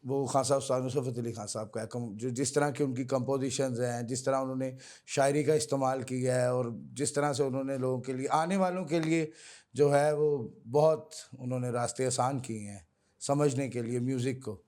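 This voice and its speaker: Male singer, mellow tone, earnest guest. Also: mid-range voice, steady tone, moderate pace. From Pakistan. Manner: earnest, repeats honorifics, addresses host as sir. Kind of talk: interview answers.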